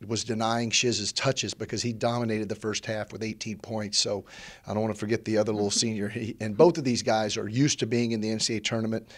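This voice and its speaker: Middle-aged male coach, lowish voice, measured post-game answers, handheld mic. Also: flat delivery. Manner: measured, repeats words when starting phrases. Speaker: head basketball coach. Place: press backdrop at an arena. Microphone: handheld mic held by interviewer.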